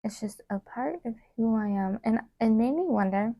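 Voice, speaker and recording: A young woman chatting casually while doing her makeup, rambling with many fillers and trailing off into soft asides. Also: fairly high pitch, moderate pace, no echo. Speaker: beauty vlogger. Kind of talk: casual get-ready-with-me chat.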